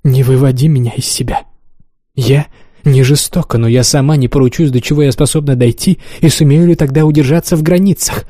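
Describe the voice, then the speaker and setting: A scornful young noblewoman with an imperious, coolly commanding way of speaking, as a male reader puts her on. Her tone is dark and mellow. The recording is dry and close. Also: mid-range voice, steady tone, fairly quick, dry recording, lightly acted. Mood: threatening. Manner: taunting, haughty, coolly commanding. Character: imperious cruel young noblewoman, mocking and cold. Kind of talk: audiobook reading.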